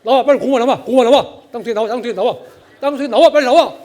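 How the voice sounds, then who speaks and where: Emotional middle-aged farmer father, high voice, as a preacher puts him on. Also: rapid-fire. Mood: overjoyed. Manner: shouts joyfully while digging, or weeps quietly.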